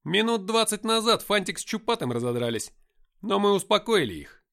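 A man voicing an excitable male soldier who talks high and loud. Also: moderate pace, vocal fry, heavily acted. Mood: excited.

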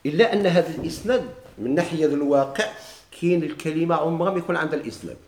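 A man's voice: on the high side, rapid-fire, a little mellow, echoey room. A man with a Moroccan Arabic accent teaching a grammar lesson to a class, posing questions and answering them himself.

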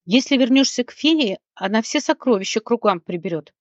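A gruff young man barks and grumbles his lines, as a woman reading a storybook puts him on. The recording is dry and a little muffled. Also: on the high side, lively intonation, brisk, dry recording, pitched above the performer's own voice. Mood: barking. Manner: barking, grumbling.

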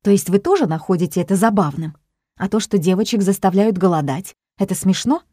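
A woman voicing a calm, ironic mother who stays level in a noisy family scene, in a storybook reading. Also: medium pitch, fairly quick, no echo, clean studio sound, lightly acted.

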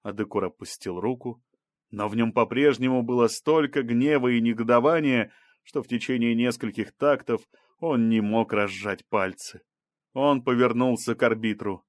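A man narrating an audiobook in a steady, even storytelling voice. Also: mid-range voice, moderate pace, dry recording, studio quality. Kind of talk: scripted narration.

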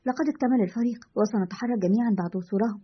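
A woman voicing a calm, businesslike male investigator who leads a team, in a dull lo-fi recording. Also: fairly high pitch, very fast, husky.

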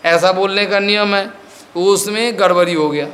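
A man's voice: sits high, unhurried, fairly bright tone, a little hiss or hum. A man giving a devotional discourse as a spiritual teacher, explaining with stories, slipping in English words and often asking whether his listeners have understood.

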